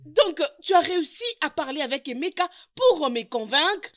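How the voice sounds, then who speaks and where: A woman dubbing a hot-tempered young bride, later a caring sister, in a French-dubbed film drama, scolding in sharp outbursts. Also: sits high, animated, normal speed. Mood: furious.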